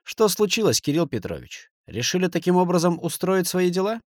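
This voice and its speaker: Man voicing a hot-tempered shouting businessman. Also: high voice, big pitch swings, a little fast, no echo, studio quality, pitched above the performer's own voice. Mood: angry. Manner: raised, shouting, forceful. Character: agitated tough middle-aged businessman, shouting.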